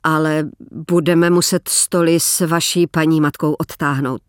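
A man's voice: fairly high pitch, flat delivery, clear, resonant tone, no room sound, studio quality, natural voice. A man voicing a young Soviet officer in an audiobook, who gives curt orders but turns awkwardly polite. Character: young Soviet officer, stiff yet shy.

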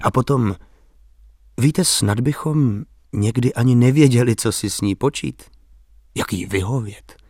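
A man's voice: medium pitch, darkish tone, no room sound, studio quality, close to an everyday voice. Man reading as a bitter village intellectual. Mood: wry. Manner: polite but bitter and ironic, measured. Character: bitter, ironic male village intellectual, middle-aged.

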